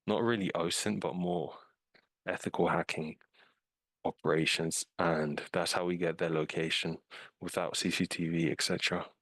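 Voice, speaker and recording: Here a British scam investigator, male and low-pitched, speaks at normal speed with fairly even intonation and a slightly bright tone, no echo. He casually guides a webinar audience through a case with slides over a video call, informal and heavy on fillers like "um" and "like".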